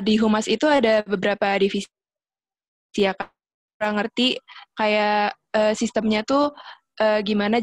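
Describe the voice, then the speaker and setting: A woman's voice: mid-range voice, no room sound. A young woman student asking a question on a video call, hesitant and full of fillers. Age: young adult. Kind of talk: question in a webinar.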